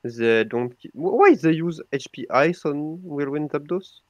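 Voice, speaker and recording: A man's voice: fairly high pitch, expressive, no room sound. A man on a podcast, stammering as he questions and breaks down a game's moves. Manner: stammering, quick to question plays. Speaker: podcast guest. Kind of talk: casual gaming commentary.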